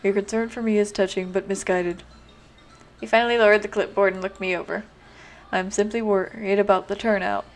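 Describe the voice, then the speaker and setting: A woman voicing a reserved, tense male doctor with a light Southern accent, speaking quietly and formally. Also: medium pitch, fairly even intonation, fairly quick, close to an everyday voice. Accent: American Southern.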